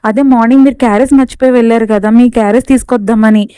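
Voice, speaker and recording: A woman's voice: on the high side, fairly even intonation, very fast, dark tone, clean tone, no room sound, lightly acted. A woman voicing a caring young wife asking questions on the phone. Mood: curious.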